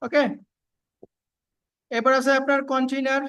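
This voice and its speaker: Casual woman teaching software. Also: high-pitched, level tone, unhurried, highs cut off. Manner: casual, step-by-step, with frequent fillers and repeats. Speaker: video editing tutor. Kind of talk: screen-recorded software tutorial.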